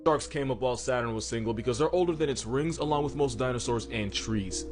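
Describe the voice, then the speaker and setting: Background music plays under a man delivering comedic, scripted animal narration in a wry, sarcastic, slangy style. He speaks fast at a medium pitch.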